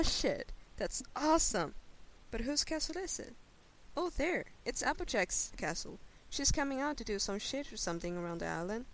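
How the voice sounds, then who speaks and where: A woman, a guest reader of fan fiction, gives an informal dramatic reading of a story in second person, sounding brash, sweary and conversational. Her voice is medium-pitched, and the rough home recording carries hiss and faint noise.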